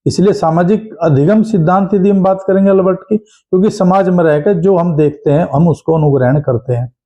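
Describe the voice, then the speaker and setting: Guy teaching exam prep, keeps asking himself questions, kinda high voice, mellow tone, muffled lo-fi audio. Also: fairly quick. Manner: animated, asks and answers his own questions. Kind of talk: lecture. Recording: dull lo-fi audio.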